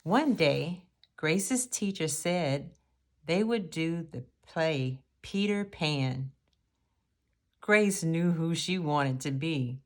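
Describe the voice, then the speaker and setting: Female storybook reader. Low register, unhurried pace, measured phrasing for young listeners. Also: animated. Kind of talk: read-aloud children's story narration.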